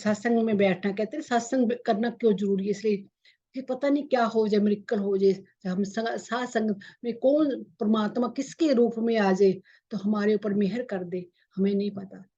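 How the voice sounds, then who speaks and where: Mellow, husky woman teaching meditation. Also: medium pitch. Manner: repetitive, halting, with many fillers. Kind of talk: spiritual talk to a meditation group. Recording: dull lo-fi recording.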